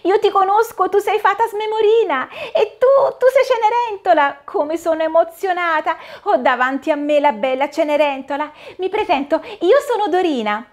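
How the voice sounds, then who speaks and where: A woman's voice: very high voice, moderate pace, few pauses, voice pushed up. A woman voicing an eager, starstruck little girl who gushes with admiration. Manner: gushing, breathless admiration.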